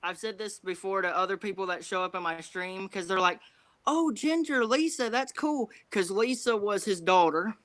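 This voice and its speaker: A man's voice: high voice, moderate pace, a bit bright. A nineteen-year-old man, chatting casually and self-deprecatingly on a livestream, often repeating his phrases. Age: teens. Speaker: guest streamer.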